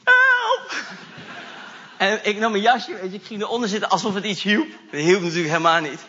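Eager, high-voiced man preaching a testimony. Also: fast, muffled recording. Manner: enthusiastic, animated, mixes in English phrases. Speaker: evangelist preacher. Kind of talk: sermon testimony storytelling.

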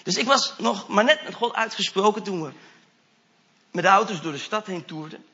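A man with a high, bright voice preaches with eager, animated energy, slipping English phrases into his storytelling. The recording sounds dull and lo-fi. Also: normal speed. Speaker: evangelist preacher. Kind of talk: sermon testimony storytelling.

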